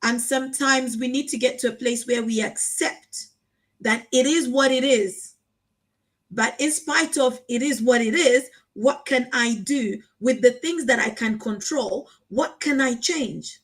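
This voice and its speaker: A woman from Africa hosts a casual live chat in a high voice. She talks in an animated, encouraging way and repeats her key points for emphasis. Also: unhurried, rough recording. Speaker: host.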